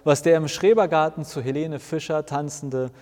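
Guy telling a first-person story, wry and self-mocking, kinda high voice, long echo tail. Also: moderate pace, darkish tone. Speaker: storyteller in a weekly sermon podcast. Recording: long reverb.

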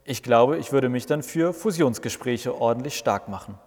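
A man's voice: medium pitch, moderate pace, darkish tone, lightly acted. Man putting on a blustering old church reformer. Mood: indignant. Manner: blustering, complaining. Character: grumpy indignant old male church reformer. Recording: long reverb.

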